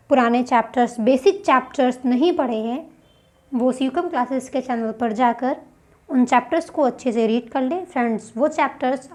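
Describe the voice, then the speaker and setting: A woman teaching a grammar lesson for exam prep. She explains step by step and asks questions that she then answers herself. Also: on the high side.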